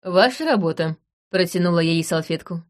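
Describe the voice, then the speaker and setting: A woman reading an audiobook in the first person, in a brisk, dry and commanding manner. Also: fairly low pitch, animated. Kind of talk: audiobook narration.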